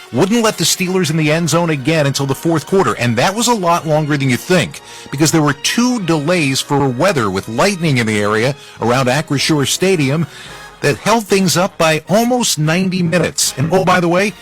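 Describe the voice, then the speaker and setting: A male sports radio host narrates a football highlights roundup in a fairly high voice. He is punchy and informal, with music playing underneath. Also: fairly bright tone. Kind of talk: scripted football roundup narration with conversational asides.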